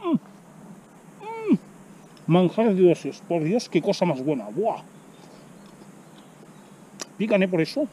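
A man's voice: high voice, expressive, takes it slowly, pauses often, dark tone, slight background noise. Chatty man eating outdoors. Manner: chatty, exclaims while eating. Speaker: vlogger. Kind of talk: casual outdoor vlog narration. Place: outdoors by a road in the woods. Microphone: camera on the ground in front.

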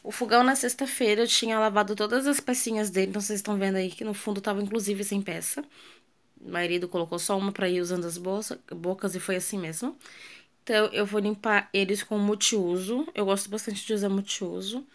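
A woman's voice: medium pitch, fairly even intonation, quick pace. A woman with a Brazilian Portuguese accent, a home vlogger and mother, casually narrating her kitchen cleaning and chatting with viewers. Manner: chatty, asks viewers questions, trails off with fillers.

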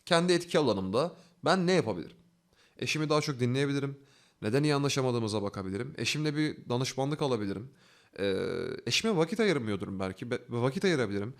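A man's voice: mid-range voice, expressive. A man teaching a self-development lesson, walking through steps by asking himself questions and answering them, with an earnest, coaxing delivery. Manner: fast, earnest, coaxing delivery with rising emphasis. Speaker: online self-development instructor. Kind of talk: instructional talk.

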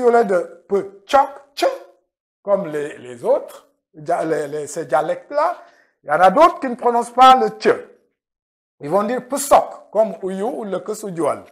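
A man leads a spoken language lesson at an unhurried pace, his pitch rising and falling a lot. He drills pronunciation by saying each example word several times in a row. His first language is Manjaku. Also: sing-song. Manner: slow, repeats words to drill pronunciation. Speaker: language teacher.

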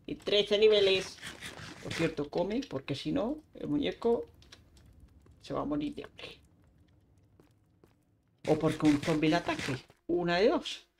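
Slow, chatty woman narrating gameplay. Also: lowish voice, expressive. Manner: chatty, narrates every action with sound effects. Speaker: streamer. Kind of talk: live gameplay commentary. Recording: faint background noise with clicks.

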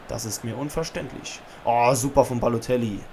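Young man, let's play commentary, excitable, casual, desk mic, faint background hiss. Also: medium pitch, a little fast. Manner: excitable, shouts player names at big moments. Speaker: gaming channel host. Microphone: USB podcast microphone.

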